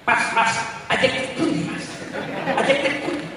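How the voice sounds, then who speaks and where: A man's voice: extremely high pitch, steady tone, moderate pace, a crowd in the background. A preacher doing a brash Batak man. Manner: brash, loud, clumsy. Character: blunt loud Batak man fumbling polite Javanese. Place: mosque. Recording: echoey mosque hall from far off, noisy.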